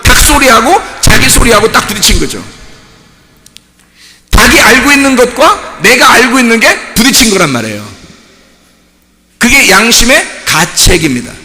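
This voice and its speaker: Male pastor, high and lively pitch, animated sermon delivery, recorded in a reverberant church hall. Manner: animated preaching, from loud emphatic peaks to hushed prayerful lines. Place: church sanctuary.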